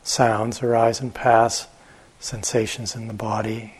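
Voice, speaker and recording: Gentle and in no hurry, a male meditation teacher gives guided instructions broken up by long pauses. His voice is husky and lowish, held in a level tone.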